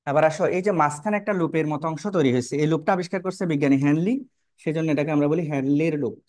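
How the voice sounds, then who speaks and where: Male biology tutor, a bit high-pitched, dry close recording. Repeats terms, quizzes students as he draws. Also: a little mellow, dry recording. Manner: repetitive, checks in with "কেমন?" and rhetorical questions. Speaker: biology teacher. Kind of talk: online lesson, explaining while drawing.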